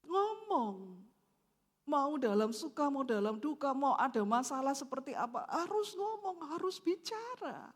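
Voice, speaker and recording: A woman preacher with a Javanese accent, giving an animated sermon in a church and acting out husband and wife. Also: sits high, unhurried. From Central Java, Indonesia. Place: church hall. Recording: long reverb of a church hall.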